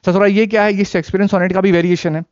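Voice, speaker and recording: A young Indian man with a high voice lectures for exam prep, switching between Hindi and English and firing questions at his students. He repeats key points to drive them home. The recording is dry and a little dull. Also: level tone, a little fast, a little mellow, clean tone, dry recording. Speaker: teacher. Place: teaching studio.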